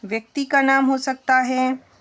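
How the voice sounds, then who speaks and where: A woman's voice: sits high, little pitch movement. A woman teaching a spoken English lesson in Hindi, patiently quizzing her students as she goes. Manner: slow, patient, asks the class questions.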